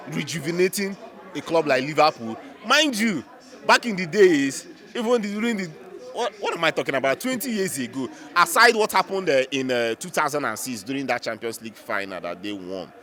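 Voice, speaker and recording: A man's voice: mid-range voice, fairly bright tone. A man with a Nigerian accent giving unscripted football reaction as a fan, emphatic and repeating phrases for effect.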